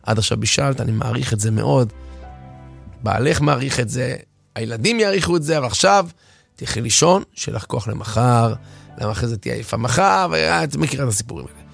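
A man giving an impassioned late-night radio sermon, hoarse and animated. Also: mid-range voice, soft background music. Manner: animated, impassioned, acts out stories. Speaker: radio preacher. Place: radio studio.

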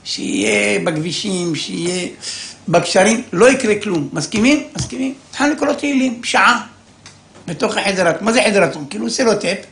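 An older man telling a funny story from his own life, animated and acting out the voices of the people in it. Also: high voice, vocal fry. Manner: animated, acts out voices, chuckles. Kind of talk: comic personal storytelling. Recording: roomy echo.

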